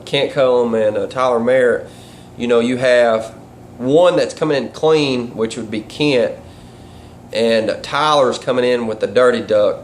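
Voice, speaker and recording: Folksy man giving a casual how-to, noisy recording. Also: mid-range voice. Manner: folksy, rambling, colloquial grammar. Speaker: duck calling instructor and caller. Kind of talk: casual instructional vlog talk. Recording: clear background noise.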